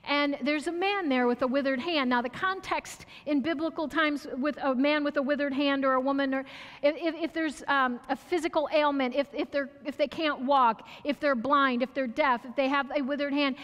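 American woman pastor giving a chatty sermon, high voice, echoey church hall. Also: moderate pace, fairly bright tone. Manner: conversational, asks the audience questions, restarts and stumbles. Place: church sanctuary.

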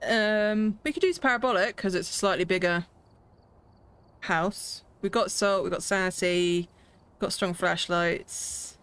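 A woman's voice: medium pitch, measured pace, fairly bright tone, clean tone. Woman streamer casually calling game moves. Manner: chatty, calls out readings and plans. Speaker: streamer playing a ghost-hunting game with friends. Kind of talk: casual gaming chat.

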